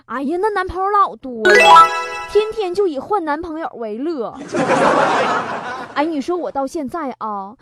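A woman's voice: high-pitched, sing-song, unhurried, long pauses, over loud music. A woman hosting a radio comedy monologue, chatty, laughing often and acting out quotes. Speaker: comedy show host. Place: radio studio.

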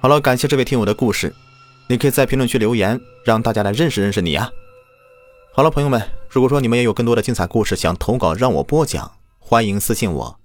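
A man narrating a listener's ghost story as the show's storyteller host, acting out the shouted lines. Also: mid-range voice, fast. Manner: lively, acts out quoted shouts. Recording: faint music underneath.

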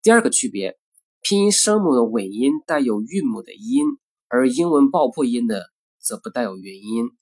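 In a recorded pronunciation lesson, a man speaks deliberately, repeating example words slowly and with care. His mid-range voice is expressive and a little mellow, with a breathy edge.

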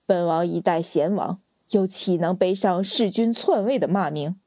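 A woman's voice: on the low side, normal speed, dark tone, no echo, clean studio sound. A woman voicing a scheming, ruthless male prince who talks in a cold, sneering way.

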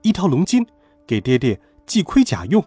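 A man's voice: on the high side, huge pitch swings, moderate pace, mellow, breathy edge, dry recording, soft background music, voice pushed up, heavily acted. A man voicing a bold, mischievous young boy god in a storybook tale, speaking in a raised, eager and defiant way. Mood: earnest.

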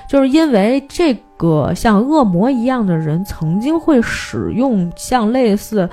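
Woman hosting a movie podcast, super animated, voice jumps all over, faint music in the back. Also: fairly high pitch, measured pace. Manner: animated storyteller, acts out characters' lines. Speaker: film podcast host. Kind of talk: casual retelling of a film plot.

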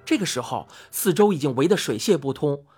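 Low-pitched and breathy at the edges, a woman briskly narrates a first-person story. Her reading is expressive and lively, with the dialogue acted out, and faint music in the background.

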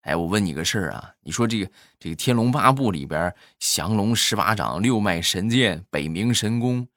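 A man's voice: fairly low pitch, animated, normal speed, a bit bright, no echo, studio quality. A man voicing a young male friend who eagerly asks him a question in a joke.

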